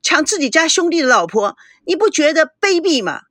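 A woman voicing a spoiled, quarrelsome young woman in an audiobook, sharp and accusing. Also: sits high, sing-song, fairly quick, no echo, studio quality, pitched above the performer's own voice. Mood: taunting.

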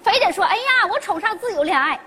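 A woman's voice: very high voice, animated, pushed and bright, a little hiss or hum, heavily acted. An actress playing a bossy, blunt mother, on a stage with a laughing audience. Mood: scolding. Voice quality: brash, fast-talking, scolding. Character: bossy blunt northeastern mother, middle-aged woman. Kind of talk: comedy sketch on stage.

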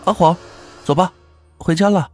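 Young girl in a spoken ghost story, eager and caring, voice pushed high, as a male storyteller puts her on. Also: normal speed, a little mellow, soft background music. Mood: cheerful.

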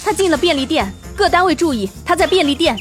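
A man's voice: very high voice, lively intonation, fast, fairly bright tone, soft background music, pitched above the performer's own voice. A man voicing a frantic little bird that calls out orders like a police radio dispatcher in a storybook. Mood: urgent. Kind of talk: storybook narration.

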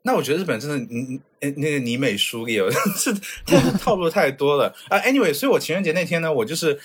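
A man from China talking fast in a casual podcast chat, his voice swooping up and down as he tells his stories. There's a husky edge to his tone, and he slips into the voices of the people he's describing. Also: fairly high pitch. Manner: lively storyteller, mimics voices in his stories. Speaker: podcast co-host. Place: lives in Japan.

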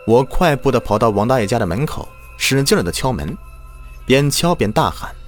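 A man's voice: mid-range voice, very animated, normal speed. A man hosting a ghost story program, narrating a submitted story dramatically. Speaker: storyteller host. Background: faint background music.

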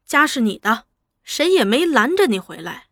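A woman's voice: on the high side, big pitch swings, normal speed, pushed and bright, no room sound, clean studio sound, heavily acted. Woman reading as a scolding village mother. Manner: scolding, exasperated. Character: stern rural mother, scolding but soft-hearted.

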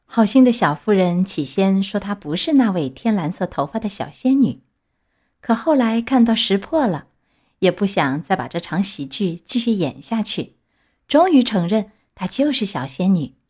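A woman narrating a children's book aloud with steady, clear delivery. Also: medium pitch, moderate pace. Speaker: storyteller.

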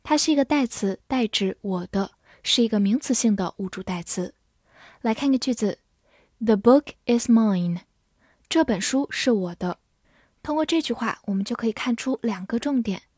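A native Chinese-speaking woman gives a scripted English vocabulary lesson, spelling each word letter by letter and slowly reading the example sentences. Her voice is on the high side, husky and darkish, with lively intonation. The studio sound is clean, with no room sound.

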